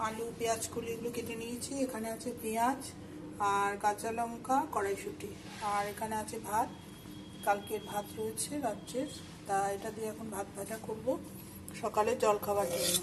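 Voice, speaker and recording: A woman's voice: a little high, level tone, normal speed, background noise. A woman with a sore throat, chatting homely in a casual cooking vlog from her home kitchen, explaining each step. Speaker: vlogger.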